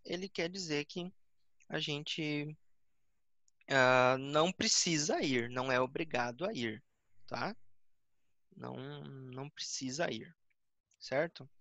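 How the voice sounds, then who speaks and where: A man's voice: on the high side, a bit bright, dry recording, dull audio. Guy teaching english grammar, patient, keeps checking in w the class, dry close sound. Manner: patient, checks understanding with frequent "tá?" and "né?"; explains by paraphrasing the same point several ways.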